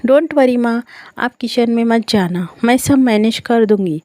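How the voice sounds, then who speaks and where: A woman's voice: a little high, unhurried, a little mellow, close to an everyday voice. A woman reading the lines of a cheerful young working daughter-in-law in a storybook reading, breezy and reassuring.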